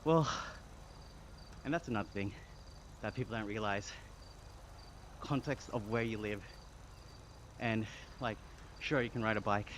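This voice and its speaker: A young Australian man from Sydney chatting casually on a live stream, relaxed and talkative as he reads and answers chat. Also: on the low side, measured pace, pauses often. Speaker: livestreamer. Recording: clear background noise with insects.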